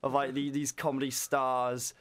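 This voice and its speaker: A man's voice: medium pitch, monotone, normal speed, fairly bright tone. A man with a Hull, East Yorkshire accent co-hosting a radio show, chatting casually and reading entertainment news in a slightly hesitant, conversational way. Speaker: radio co-host.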